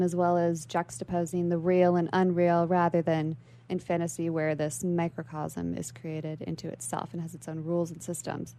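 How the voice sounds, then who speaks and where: Her voice on the low side and a little mellow, a young female guest in a radio studio offers a prepared explanation. She talks in an articulate, bookish way, shaping long sentences with care.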